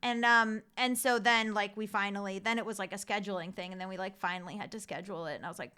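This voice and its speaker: A woman in her thirties, a podcast guest telling stories in casual chat, animated and quick to swear. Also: mid-range voice, smooth.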